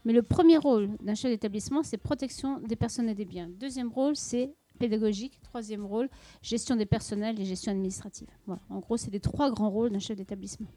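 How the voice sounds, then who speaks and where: Her voice is a little high with a warm tone as this middle-aged woman from Paris responds to an interview. Speaking as a school deputy head, she explains things carefully and pauses frequently.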